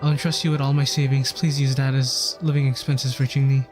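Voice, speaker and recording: A man streaming a game reads its story text aloud earnestly, occasionally stumbling over words. His medium-pitched voice is brisk and level in tone, with game music playing behind it.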